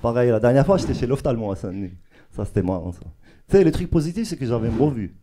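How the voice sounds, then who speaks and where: A man's voice: medium pitch, lively intonation, quick pace, heavy background noise. A man telling an easygoing stand-up story on a comedy club stage. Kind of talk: stand-up routine.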